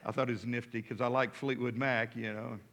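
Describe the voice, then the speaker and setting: An American man in his fifties preaching a sermon as a pastor, with emphatic, deliberate phrasing and frequent repetition. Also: mid-range voice, level tone, fairly bright tone. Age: 50s.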